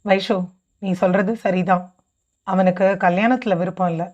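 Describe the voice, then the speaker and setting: A woman voicing a caring young sister-in-law who teases gently and confides a family story, on a dull lo-fi recording. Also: medium pitch, steady tone, normal speed, natural voice. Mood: confiding.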